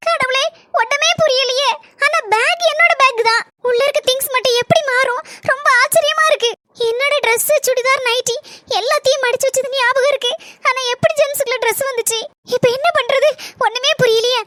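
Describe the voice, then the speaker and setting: A woman's voice: very high voice, fairly quick, sharp tone. A woman with a southern Tamil accent voicing an anxious young girl talking to herself in bewilderment, in a cartoon. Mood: bewildered. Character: anxious young girl, worried about her father.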